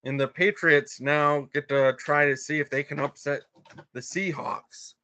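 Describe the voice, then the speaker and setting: A man's voice: on the high side, steady tone, pushed and bright. A man co-hosting a podcast, reading out game scores in casual chat. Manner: reads out scores, drawn-out joking. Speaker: podcast co-host.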